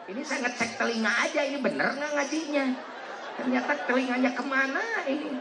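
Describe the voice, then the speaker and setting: Man preaching, very high voice, jokey and teasing, echoey hall, faint crowd. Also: brisk, background noise. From West Java. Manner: joking, teasing the audience, asking it to answer back. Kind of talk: humorous sermon to a live congregation.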